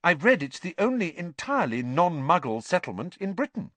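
A man voicing a bright, bossy teenage schoolgirl witch in a storybook, with an earnest, sharp manner. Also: mid-range voice, wildly swooping pitch, normal speed, breathy edge, no room sound, pitched above the performer's own voice. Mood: keen.

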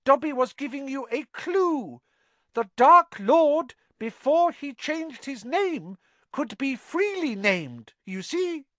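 A man reading a storybook aloud, voicing a shrill, excitable male house elf. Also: slow, no room sound, heavily acted. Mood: eager. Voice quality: shrill squeaky.

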